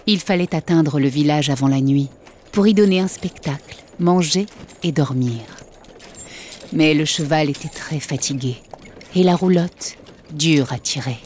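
Slow, expressive woman storyteller. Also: low voice, slight background noise. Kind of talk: children's audiobook narration.

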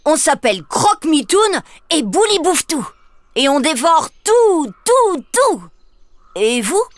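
A woman's voice: high-pitched, very animated, takes it slowly, no room sound, pitched above the performer's own voice, full character voice. A woman voicing a small, always-hungry boy ogre who sounds sheepish and eager, in a storybook.

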